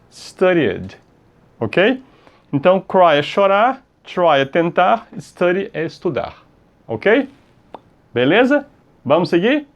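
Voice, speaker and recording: A Brazilian man teaching grammar, his somewhat high voice swooping up and down as he goes. He slows down on each example word, says it twice, and tosses in quick checks to keep the class with him. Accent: Brazilian Portuguese. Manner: drawn-out model words, repeated checks like "tá?" and "ok?". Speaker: English teacher. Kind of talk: explaining grammar rules on a video lesson.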